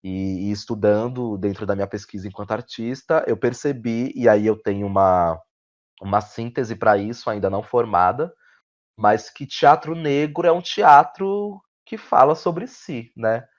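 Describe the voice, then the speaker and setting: This guest, a playwright and actor with a Brazilian accent, reflects in his interview answers, searching for words, repeating phrases and often tagging on questions at the end. His voice sits on the low side and is unhurried, on dull, lo-fi audio.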